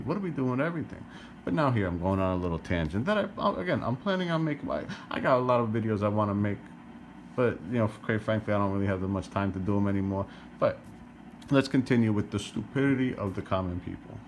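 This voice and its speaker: A man's voice: fairly low pitch, a little hiss or hum. A middle-aged man from New Jersey ranting to camera, exasperated, firing rhetorical questions and repeating himself. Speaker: vlogger.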